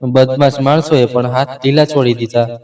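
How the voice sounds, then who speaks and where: Guy reading a story out loud, earnest, mid pitch, sounds far off from the mic. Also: steady tone, normal speed. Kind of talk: scripted story narration. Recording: roomy echo, distant mic.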